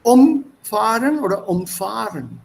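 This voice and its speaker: A man teaching an online German class on a video call, drawing out words slowly as he quizzes students on stress, and switching between German and English. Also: sits high, sing-song, vocal fry, slight background noise, rough recording.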